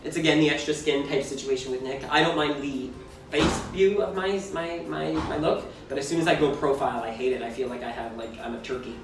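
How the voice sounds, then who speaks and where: A man's voice: medium pitch, steady tone, a little fast, very echoey, far from the mic, noisy background. A man in his forties chatting casually as a vlog co-host on a cruise ship balcony, self-mocking and often restarting his sentences. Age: 40s. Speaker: vlogger co-host. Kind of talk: casual chat.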